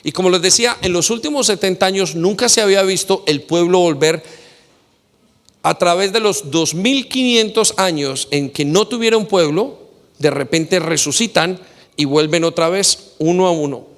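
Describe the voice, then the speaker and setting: High-voiced preaching man in a reverberant hall. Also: normal speed. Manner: earnest preaching, quoting scripture, addressing listeners directly. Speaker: pastor. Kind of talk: sermon. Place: church hall.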